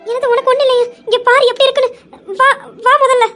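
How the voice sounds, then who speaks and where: Woman doing a cheeky little sister, super high voice, teasing and bossy. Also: little pitch movement, quick pace, music in the background. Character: playful teasing teenage sister.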